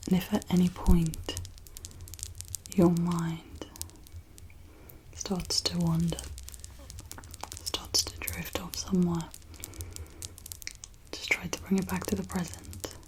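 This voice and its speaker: A woman gives a gentle, reassuring whispered pep talk as guided ASMR relaxation, in a soft breathy whisper with pauses. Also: lowish voice, little pitch movement. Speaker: ASMR host guiding relaxation.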